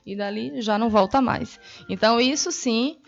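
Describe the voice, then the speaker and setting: A Brazilian woman speech therapist explaining hearing care clearly and patiently in an interview. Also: fairly high pitch, moderate pace, soft background music. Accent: Brazilian Portuguese. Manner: clear, didactic, reassuring. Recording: dull lo-fi broadcast audio.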